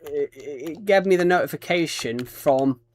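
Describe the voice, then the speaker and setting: A British man with a fairly high voice rambles casually on a game livestream, reading viewer comments and names aloud. He speaks at a normal speed over a little hiss or hum.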